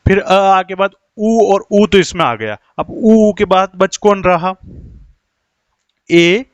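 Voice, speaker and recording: Male teacher from India, slightly high voice, dry close sound, steady question-and-answer lesson. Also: clear, resonant tone, dry recording, muffled recording. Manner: asks rhetorical questions and answers them himself, slows down while writing on the board. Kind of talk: Hindi grammar lesson.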